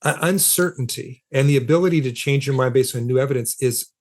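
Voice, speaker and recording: A man with a medium-pitched, slightly mellow voice speaks briskly as an interview guest. A philosopher of science and author, he explains ideas conversationally and repeats phrases for emphasis.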